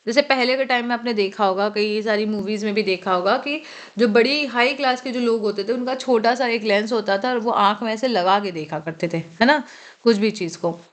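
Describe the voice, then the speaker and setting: A woman teaching English vocabulary for competitive exams, who explains slowly, spells words out letter by letter and keeps checking with "ठीक है?". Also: on the high side. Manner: mixes Hindi with slow, careful English phrases. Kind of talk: exam-prep vocabulary lesson.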